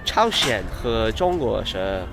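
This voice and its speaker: A British man in his twenties, a native English speaker, chatting casually as a travel vlogger in halting, foreign-accented beginner Mandarin with simple broken phrases. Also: on the low side, sing-song, vocal fry, noisy background. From United Kingdom. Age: 20s. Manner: simple broken phrases with repeated searching for words. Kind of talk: casual chat with locals.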